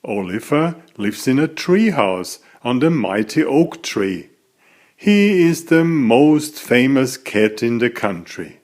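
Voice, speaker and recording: Reading his own children's story aloud, a man with a medium-pitched voice tells it in an expressive, deliberate storytelling style.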